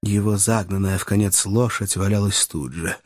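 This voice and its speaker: A man's voice: on the low side, fairly even intonation, normal speed, no room sound, studio quality. Man narrating an adventure audiobook. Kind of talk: scripted narration.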